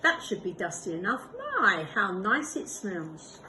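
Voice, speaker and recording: A woman voicing a cheerful, literal-minded housekeeper in a read-aloud storybook, speaking slowly and emphatically. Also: mid-range voice, wildly swooping pitch, bright, forceful tone, a little hiss or hum, exaggerated voice.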